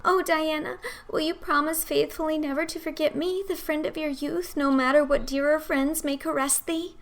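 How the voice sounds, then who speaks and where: A woman's voice: sits high, fairly even intonation, moderate pace, pitched above the performer's own voice. A woman voicing a melodramatic, imaginative young girl in a storybook reading, gushing in flowery, old-fashioned phrases. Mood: tearful, pleading.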